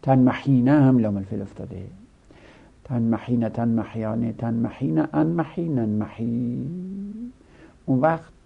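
A man teaching a seminary grammar lesson, chanting word forms in a slow, drawn-out recitation. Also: mid-range voice, creaky, breathy edge, narrow, tinny audio.

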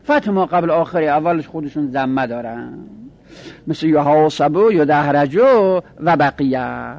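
A man's voice: on the high side, creaky, a little mellow, lo-fi sound. A male teacher with a Luri Persian accent, lecturing a class on grammar and patiently repeating each example while checking that the students follow along. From Lorestan, Iran.

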